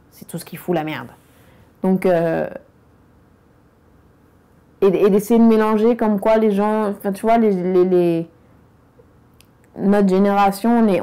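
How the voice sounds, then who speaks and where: Talking directly to the listener in a casual documentary interview, this woman from France is frank and emphatic. She has a mid-range voice with a dark tone.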